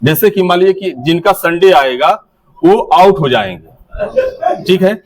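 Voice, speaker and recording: A man's voice: high voice, very animated, a little slow, a little mellow. A man leading teachers through a classroom activity, giving step-by-step directions to a group in a hall. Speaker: teacher trainer.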